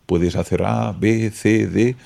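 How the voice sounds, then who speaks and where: Speaking slowly and in a steady tone, a Catalan-native philosopher gives thoughtful explanations as a guest in a reflective interview. His low voice is dark and mellow with a gravelly fry, and he keeps tacking on a short "¿no?".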